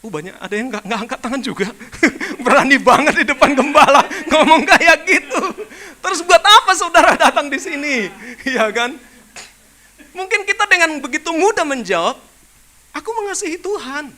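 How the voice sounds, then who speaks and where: A man preaching a church sermon as pastor, animated and colloquial, who keeps asking the congregation rhetorical questions and adds humorous asides. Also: extremely high pitch, moderate pace. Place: church service.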